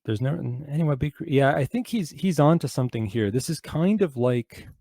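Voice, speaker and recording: A man's voice: on the high side, animated, moderate pace, gravelly, dark tone, dry recording, studio quality. A male radio host reading a crude prank guide aloud in a sardonic, mocking way and breaking off to add his own comments.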